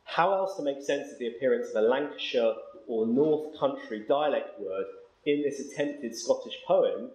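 A man giving an academic lecture, hesitating with ums and reading verse slowly and with care. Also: medium pitch, lively intonation, a little mellow, roomy sound, rough recording. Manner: slow, measured reading of verse, then brisk explanation with ums.

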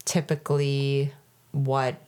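A woman with a notably low, deep-set voice chats casually as a podcast co-host. She rambles and circles back on her points, stacking fillers and restarts as she goes. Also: monotone, slow, darkish tone, clear, resonant tone. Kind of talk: casual chat.

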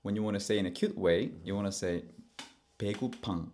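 A man's voice: deep voice, steady tone, fast talker, darkish tone. A man, a cheerful influencer guest on a podcast who giggles and jokes easily. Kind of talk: casual podcast interview.

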